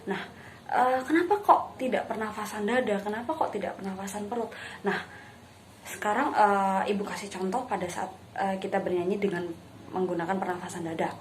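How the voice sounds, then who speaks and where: A woman's voice: mid-range voice, brisk, slight background noise. A woman music teacher explaining breathing and phrasing to her pupils in a patient classroom manner, with frequent fillers. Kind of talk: classroom lesson with sung examples.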